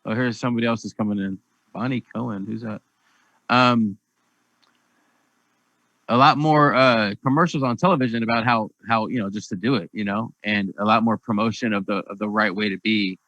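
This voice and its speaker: A man's voice: fairly low pitch, moderate pace, a bit bright, no room sound, lo-fi sound. A man moderating a round-table discussion, rambling and repeating words as he steers the talk. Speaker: debate host.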